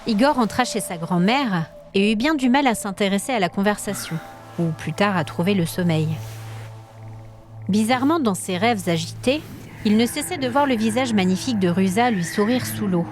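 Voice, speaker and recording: A female storyteller reads scripted dramatic narration expressively and suspensefully, her mid-range voice at a moderate pace over soft background music.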